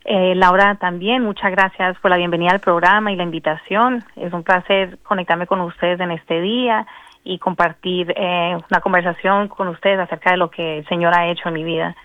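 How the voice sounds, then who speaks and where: A young woman with a soft Antioquian Colombian accent, calling in to a radio interview. She sounds polite and gracious. The sound is a tinny, dry phone line. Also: on the low side, steady tone, moderate pace, dry recording. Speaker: guest singer.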